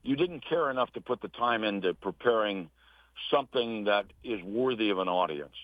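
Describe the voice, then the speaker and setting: Speaking at a moderate pace in a fairly low, animated voice with no echo, an American sports announcer and broadcasting instructor, middle-aged or older, gives an earnest interview by phone. He repeats phrases for emphasis, and the line sounds tinny.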